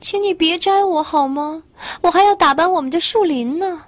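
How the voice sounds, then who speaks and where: A woman voicing a small, gentle little flower in an earnest, childlike way for a storybook. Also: very high voice, moderate pace, dry recording, voice pushed up. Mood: anxious pleading.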